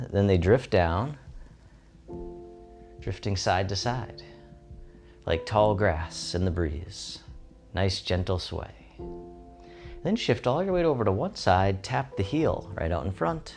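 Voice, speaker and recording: A man giving serene, gentle tai chi instruction in short, soothing guided movement cues. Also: fairly low pitch, lively intonation, slow pace, pauses often. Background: instrumental music.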